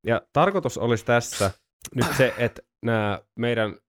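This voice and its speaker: A man's voice: medium pitch, slight background noise. A man co-hosting a podcast, explaining things in an easygoing, casual way. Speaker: podcast co-host. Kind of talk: casual chat.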